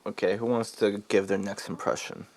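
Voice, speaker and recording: A man's voice: on the low side, level tone, moderate pace. A man co-hosting a sports podcast, chatting casually, teasing the others and tossing in short reactions. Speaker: podcast co-host.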